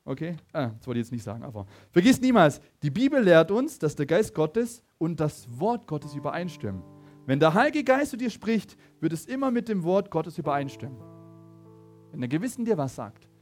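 A man preaching a sermon, telling a personal story with animated stammering restarts and talking straight to his listeners. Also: fairly high pitch, fairly quick, faint music behind. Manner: animated, stammering restarts, addresses the audience directly.

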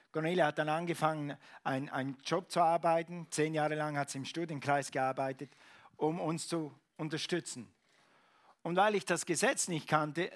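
A middle-aged man preaching a sermon as pastor, emphatic, repeating phrases and swinging from loud to hushed. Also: a little high.

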